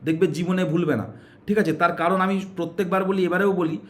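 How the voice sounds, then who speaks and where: Quick, high-voiced coaching teacher man. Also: steady tone, a bit bright. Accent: West Bengal Bengali. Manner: asks questions and answers them himself, repeating "okay"; coaxing, uses story tricks to aid memory. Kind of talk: classroom-style exam prep lesson.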